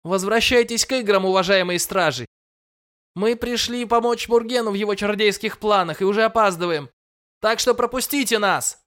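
A man's voice: high voice, expressive, quick pace, voice pushed up. A man voicing a cold, poised young enchantress who speaks with ringing, polite coolness. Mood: cool. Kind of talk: audiobook character voice.

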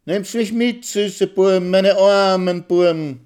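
A man reading a story aloud and voicing a young woman with a squeaky, melodic voice who speaks stubbornly. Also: slow, a little mellow, smooth, natural voice. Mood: pitying. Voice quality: squeaky high voice.

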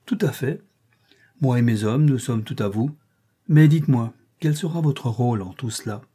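A bold, sardonic male bandit captain from an adventure audiobook, ironic in every line, voiced by a male reader. The voice is mellow and dark with a husky edge. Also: medium pitch, moderate pace, close to an everyday voice. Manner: ironic, mocking. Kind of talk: audiobook reading.

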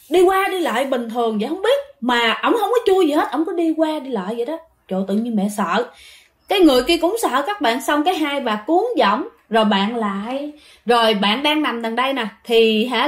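A woman with a high voice casually narrates a ghost story, chatting away and addressing her listeners directly.

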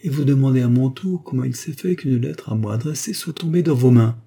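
A man's voice: mid-range voice, a little fast, gravelly, warm tone, breathy edge, pitched above the performer's own voice. A man reading the part of a proud, scornful young former governess, with a cold, ironic, cutting delivery. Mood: mocking. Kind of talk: audiobook dialogue reading.

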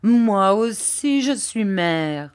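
A woman's voice: on the low side, animated, unhurried. Mrs Crupp, a woman voicing a nosy motherly landlady. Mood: coaxing. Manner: sentimental, insistent, repeats herself. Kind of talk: audiobook character reading.

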